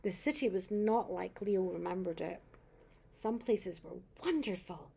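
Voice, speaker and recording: A sweet older woman, a grandmother, reading a picture book to a small child in a gentle, grandmotherly way and pointing things out. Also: medium pitch, lively intonation, unhurried, vocal fry, husky.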